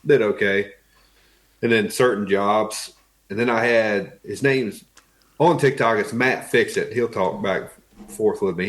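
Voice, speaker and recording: A man with an Appalachian accent and a fairly low voice talks casually in an interview. He sounds like a tradesman, plainspoken and folksy. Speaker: interview guest, wood flooring tradesman.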